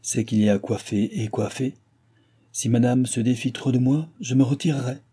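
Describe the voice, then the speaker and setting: A man reading aloud who voices a confident young hairdresser with a smooth, ingratiating manner. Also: mid-range voice, moderate pace, warm tone, voice pushed up, lightly acted. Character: eager, self-assured young male hairdresser.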